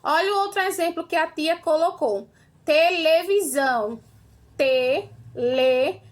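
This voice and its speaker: A young Brazilian woman with a very high-pitched voice and a Brazilian Portuguese accent teaches a remote primary school lesson at a moderate pace. She explains patiently, step by step, often checking in by ending phrases with "tá?".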